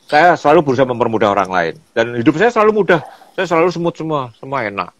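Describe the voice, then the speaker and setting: Older man, casual storyteller, lively, dry close sound. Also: medium pitch, quick pace, no room sound. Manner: animated storyteller, laughs often, acts out quoted voices. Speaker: photographer and guest.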